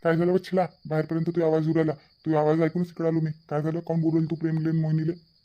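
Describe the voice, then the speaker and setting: A man voicing a middle-aged father in a cartoon, steady and reasoning. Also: fairly high pitch, very fast, highs cut off, natural voice. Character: calm middle-aged father, firm head of house. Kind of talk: cartoon voice acting.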